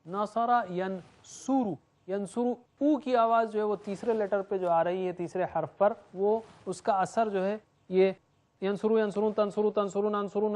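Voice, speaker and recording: A man's voice: sits high, darkish tone. A man teaching Quranic Arabic grammar, drilling verb forms in a rhythmic chant and explaining in between.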